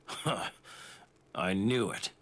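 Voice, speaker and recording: A man's voice: low-pitched, extremely slow, a bit bright, a little hiss or hum, exaggerated voice. An actor playing a brash, violent young male warrior spirit in a game cutscene, cocky and bossy.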